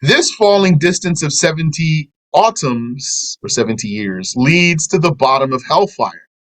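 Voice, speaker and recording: In a poorly recorded religious lesson, a man with an everyday mid-level voice reads a line from a translated text. He follows it with a lengthy explanation, mixing Arabic words into his English.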